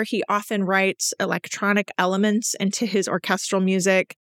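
A woman's voice: medium pitch, dry recording, clean studio sound. A woman hosting a podcast, chatting casually and enthusiastically about an event she went to. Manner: enthusiastic, self-described nerd. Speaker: podcast host.

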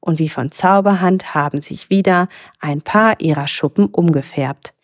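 A woman reading a children's story aloud with a lively read-aloud manner. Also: fairly low pitch, normal speed.

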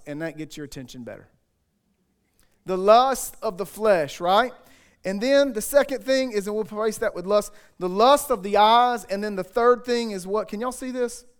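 A man's voice: sits high, smooth. A male pastor preaching a sermon in a conversational, joking way with asides to the congregation.

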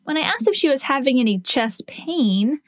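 A woman's voice: high-pitched, animated, normal speed, no room sound. A woman in her forties, a nurse hosting a podcast, telling a patient story and teaching in an earnest, explanatory way with rhetorical questions.

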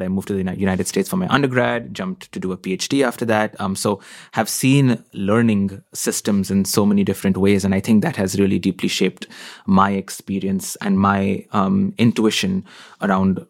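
Young male interview guest from India, low gravelly voice, earnest and reflective. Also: fairly even intonation, normal speed. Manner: earnest, thoughtful, laughs easily. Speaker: podcast guest. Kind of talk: conversational interview.

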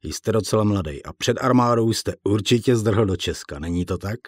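A man's voice: on the low side, animated, slightly rough, no echo. A man reading the lines of a curt, suspicious middle-aged businessman in an audiobook, with a terse, dry way of asking questions.

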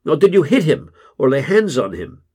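A man doing a calm, soft-spoken male therapist. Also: on the high side. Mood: gently probing. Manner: measured, gently probing.

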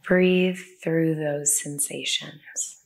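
A woman leading a guided body-scan meditation, speaking softly and soothingly with long pauses. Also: low-pitched, fairly even intonation, gravelly. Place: a room with the listeners present.

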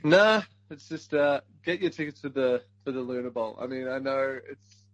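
A man co-hosting a casual sports podcast, jokey and quick to laugh as he plugs an event. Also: medium pitch, dry recording, lo-fi sound. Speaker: podcast co-host.

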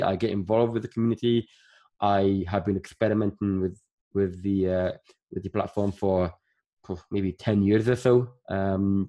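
A man in his thirties from Northern Ireland appears as a podcast guest in a casual interview chat. His fairly low, warm voice rambles along chattily, packed with filler phrases.

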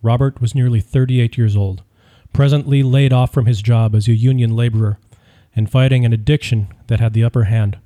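A man reading a true-crime audiobook in scripted narration, measured and even. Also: mid-range voice.

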